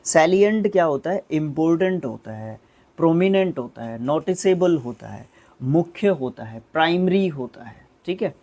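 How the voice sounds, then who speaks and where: A man teaches English vocabulary in a recorded online class. He explains each word at an unhurried pace, spells tricky words out letter by letter and openly corrects his own mistakes. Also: fairly high pitch, expressive, darkish tone.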